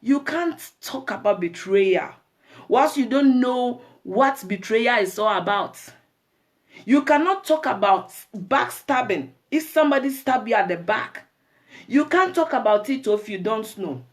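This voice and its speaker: A woman's voice: fairly high pitch, expressive, unhurried. A woman with a Ghanaian accent hosting a live talk show, chatting with viewers, greeting them by name and giving advice to women.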